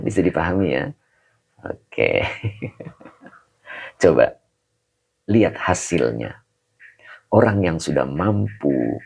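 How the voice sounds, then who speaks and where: Gravelly low-voiced man preaching casually. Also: warm tone. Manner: greets viewers by name, conversational, rhetorical questions. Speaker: Islamic preacher reading viewer comments. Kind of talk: casual livestream sermon.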